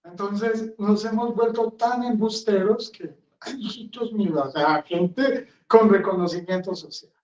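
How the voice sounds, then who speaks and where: A man's voice: high voice, a little slow, a little mellow. A man, a friar, preaching a homily in a blunt, rambling, conversational way. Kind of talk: sermon. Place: chapel. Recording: roomy, distant, dull sound.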